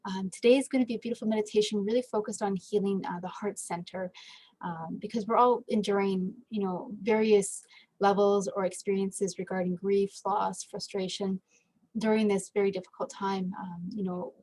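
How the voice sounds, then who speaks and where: A woman leading a guided meditation in a gentle, unhurried way, with frequent fillers and pauses. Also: mid-range voice, fairly even intonation, poor audio.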